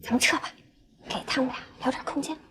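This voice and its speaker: A woman's voice: fast talker, fairly bright tone, a little hiss or hum, natural voice. An actress playing a perky, bold young alien woman in a screen drama, chatty and coaxing with a romantic streak.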